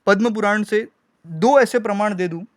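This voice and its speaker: A man's voice: high voice, moderate pace, slight background noise. A man hosting a heated religious debate, insistent and pressing, repeatedly demanding to be heard. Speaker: debate host.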